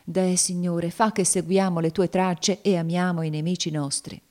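Woman reading as Uncle Tom, devout and gentle. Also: lowish voice, steady tone, normal speed, close to an everyday voice. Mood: tender, fervent. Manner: earnest, solemn pleading. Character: devout gentle older man, steadfast.

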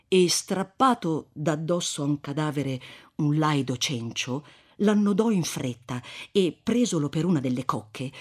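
A reader narrating a classic novel in a measured, expressive way. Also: medium pitch. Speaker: audiobook reader. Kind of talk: literary narration.

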